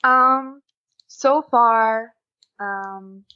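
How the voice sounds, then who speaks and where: A young American woman, an exchange student appearing as a podcast guest, chats casually and openly in an interview. Her voice is on the high side and she speaks very slowly, with the highs cut off in the recording.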